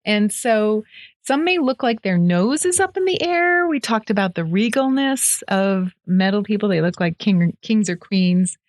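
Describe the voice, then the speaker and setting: A woman co-hosts a relaxed podcast conversation. She explains her points by painting vivid images. Her voice sits in a middle range and is recorded close and dry, with no room sound. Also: medium pitch, unhurried, dry recording. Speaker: co-host. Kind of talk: casual podcast chat.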